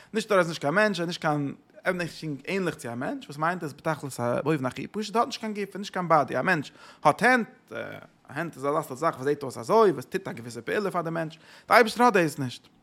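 A man's voice: on the high side, vocal fry, a bit bright. A male religious teacher lecturing on a text, asking rhetorical questions, repeating phrases and mixing in English words.

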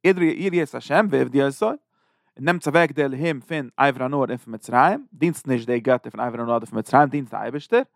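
A man teaching a text chapter in quick, run-on explanations full of Hebrew terms, rising animatedly when he retells dialogue. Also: mid-range voice, gravelly, no room sound, studio quality. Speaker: Torah teacher. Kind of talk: chapter lesson in Yiddish-flavored German.

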